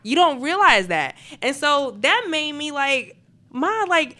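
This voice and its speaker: Young adult woman co-host, fairly high and bright, soft-spoken and reflective. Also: very animated, a little slow. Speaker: podcast co-host. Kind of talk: casual chat.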